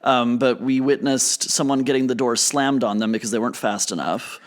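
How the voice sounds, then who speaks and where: A man's voice: medium pitch, moderate pace. Playful man joking as podcast co-host. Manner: joking, teasing, playful asides. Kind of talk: casual podcast chat.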